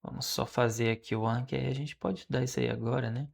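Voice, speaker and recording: A Brazilian Portuguese speaking man studying French aloud, repeating phrases slowly and correcting himself as he goes. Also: mid-range voice, steady tone, creaky. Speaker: language learner streaming his study. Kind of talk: casual study vlog, thinking aloud.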